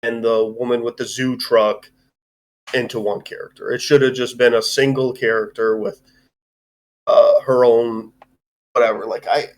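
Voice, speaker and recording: A man hosts a live-streamed film discussion, chatting informally and rambling with some swearing as he reviews movies. His medium-pitched voice barely moves in pitch, his speed is normal, and he takes long pauses.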